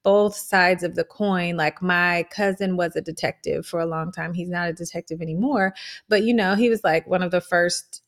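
A woman's voice: lowish voice, fairly even intonation, moderate pace. A woman chatting casually as a podcast co-host in a colloquial, conversational way. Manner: colloquial, conversational, often says "you know". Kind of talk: casual chat.

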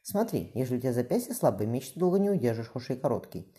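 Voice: medium pitch, sing-song, quick pace, mellow, close to an everyday voice. A reader voicing a hard-bitten army captain training boys, harsh and commanding. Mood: strict. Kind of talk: audiobook character voice.

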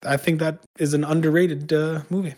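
A man's voice: a little high, little pitch movement, fairly quick, a little mellow. A man from a country north of Iran, co-hosting a podcast in blunt, opinionated casual chat.

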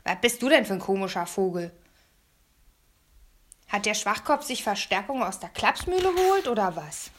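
A woman's voice: fairly high pitch, big pitch swings, moderate pace, few pauses. A woman voicing a rude, unkempt male neighbor who roars and threatens. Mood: furious. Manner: loud, roaring.

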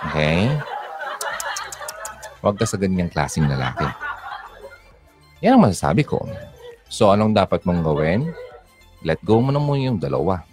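Deep-voiced man giving fatherly advice. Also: a little mellow. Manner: fatherly, mixes English into Tagalog. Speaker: advice host. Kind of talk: casual advice talk to a listener.

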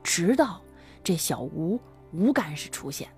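Woman storyteller, dramatic and sigh-heavy, very lively pitch, soft music underneath. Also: measured pace. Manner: dramatic, full of sighing interjections. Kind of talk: animated storytelling chat.

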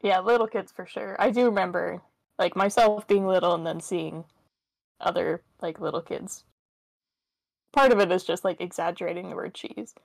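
Woman with a gravelly, creaky voice. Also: lowish voice, steady tone, moderate pace, dry recording, poor audio. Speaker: podcast co-host. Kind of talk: casual chat.

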